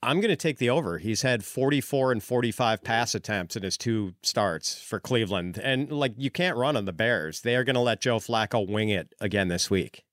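A man's voice: fairly low pitch, animated, normal speed, few pauses, no room sound, studio quality. A man analyzing fantasy football on a podcast, talking casually and reflectively with frequent small fillers. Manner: thoughtful, lots of fillers like uh and um. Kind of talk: casual sports chat.

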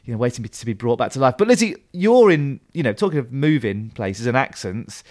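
A man's voice: mid-range voice, expressive, a little fast, darkish tone. A man with a Nottingham accent, chatting casually as a podcast host in a teasing way. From Nottingham, England. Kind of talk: casual chat.

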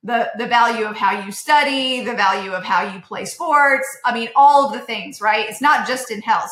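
Woman in her 30s guesting on a podcast, bright voice, acts out quotes, echoey room. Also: medium pitch. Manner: animated storyteller, acts out quoted dialogue. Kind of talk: casual interview chat.

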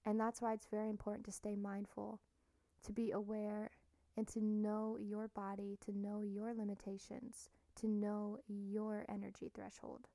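Slow, mellow woman giving a pep talk. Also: medium pitch, monotone, no room sound. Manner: blunt, swearing, pep-talk encouragement. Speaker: podcast host. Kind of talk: motivational self-help talk.

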